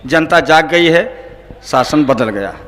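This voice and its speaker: A man with an Awadhi accent performs sung folk poetry before an audience, his voice bright and carrying. He draws each verse out very slowly and melodically, and between verses he explains them in quick speech. A long hall reverb trails behind every phrase. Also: on the high side, expressive, a little hiss or hum. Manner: drawn-out melodic singing broken by brisk spoken explanations. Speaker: folk poet-singer. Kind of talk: sung folk poetry recital with spoken asides.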